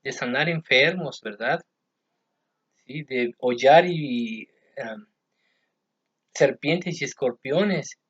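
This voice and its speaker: A man's voice: medium pitch, extremely slow, pauses often, fairly bright tone, husky, highs cut off. A man preaching a sermon, conversational and constantly checking in with "¿sí?" and "¿verdad?". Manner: conversational, keeps asking ¿sí? and ¿verdad?.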